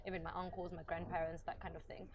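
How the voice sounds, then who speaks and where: A woman in her twenties, originally from Zimbabwe, speaks quickly and thoughtfully as a podcast guest. Her voice sits a little low, and a busy public venue chatters loudly behind her. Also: flat delivery. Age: 20s. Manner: quick, thoughtful and conversational, with frequent agreeing murmurs. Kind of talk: podcast interview. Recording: noisy crowd in a public venue. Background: crowd chatter.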